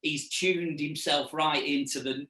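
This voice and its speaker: A middle-aged man, chatting casually as an interview guest and haltingly repeating words as he recalls things. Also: on the high side, steady tone, sharp tone. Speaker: restaurant owner and chef, interview guest. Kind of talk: casual interview chat, reminiscing. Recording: echoey room, distant mic.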